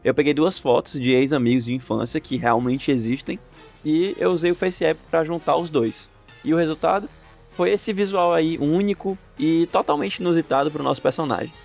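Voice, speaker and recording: Gravelly-voiced man telling a story. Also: a little high, normal speed, a little mellow, soft background music. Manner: chatty, reads chat messages aloud. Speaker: storytelling vlog host. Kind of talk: casual storytelling narration.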